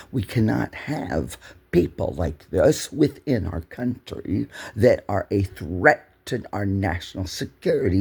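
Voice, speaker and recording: A man's voice: on the low side, creaky, dark tone, breathy edge. A man giving indignant commentary over news clips, repeating phrases for emphasis. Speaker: political commentator.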